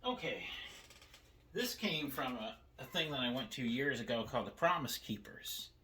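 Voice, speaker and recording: This older man, showing his cassette tapes at home for a video, has a medium-pitched, sharp voice with lively intonation at normal speed. He narrates casually and rambles, often repeating himself as he restarts words, over faint background noise.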